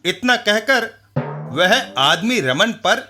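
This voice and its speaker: A man narrating a comic storybook in an animated, storytelling way. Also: high-pitched, slow, loud music behind the voice.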